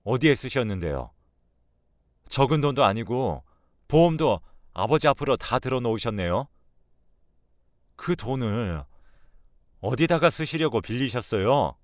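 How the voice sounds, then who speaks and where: A man's voice: medium pitch, big pitch swings, a little slow, long pauses, no room sound, clean studio sound, voice pushed up. A man voicing a grown son who urgently presses his mother with a raised voice in a radio drama.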